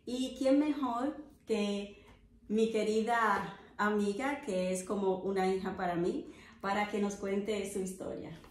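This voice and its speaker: A woman's voice: mid-range voice, fairly even intonation, slow pace, echoey room. A middle-aged woman hosting a podcast interview, asking questions with many fillers. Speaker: podcast host. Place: living room on a sofa, indoors.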